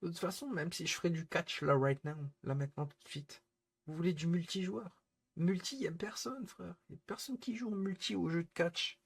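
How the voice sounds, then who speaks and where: A man's voice: high-pitched, fairly quick, gravelly, husky. A man streaming live, scolding his chat in an exasperated, repetitive rant.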